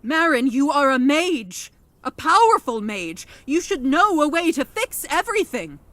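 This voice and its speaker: A high-voiced, emotional old grandmother. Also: very animated, measured pace, fairly bright tone, no room sound, full character voice. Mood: pleading. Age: older. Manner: pleading, emotional. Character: devoted older grandmother, emotional and headstrong. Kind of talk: game cutscene dialogue.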